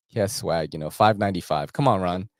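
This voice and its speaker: A man's voice: low-pitched, fast, no room sound, studio quality. Laid-back slangy New man. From New York City. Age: 40s. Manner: rambling, laughing, slangy with frequent filler. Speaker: knife channel host. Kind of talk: casual livestream chat.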